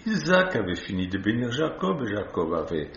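A man's voice: fairly low pitch, sing-song, normal speed, a bit bright. A man preaching a sermon, reading scripture aloud and breaking off for chatty, playful asides. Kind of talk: sermon, Bible reading with commentary. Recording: echoey, slightly dull recording.

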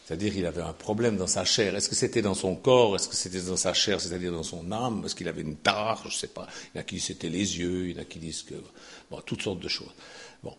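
An older man preaching a sermon, sarcastic and animated, dropping to low asides and rising to shouted peaks. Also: quick pace, creaky.

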